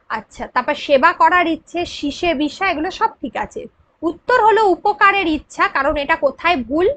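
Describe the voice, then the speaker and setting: A woman's voice: sits high, a bit bright. A woman teacher with a Bengali accent explaining grammar for an exam, patient and checking in with her students. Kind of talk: exam prep grammar lesson.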